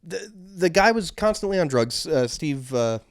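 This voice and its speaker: A man's voice: a little high, animated, moderate pace. A young man co-hosting a podcast, telling stories in a rambling way with lots of fillers. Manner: rambling, filler-heavy storytelling. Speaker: podcast co-host. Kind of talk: casual chat.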